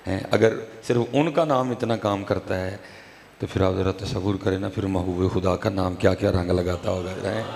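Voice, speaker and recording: A man preaches to a gathered crowd, his low voice rough with fry and held to a narrow range. He slips between slow chanted prayers and easy, chatty explanation. The hall's long echo rings after him over a faint hum of noise. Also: fairly even intonation, a little mellow. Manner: conversational, repeats "ٹھیک ہے جی". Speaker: religious speaker. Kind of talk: sermon at a gathering. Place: religious gathering hall. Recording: echoey hall, faint background noise.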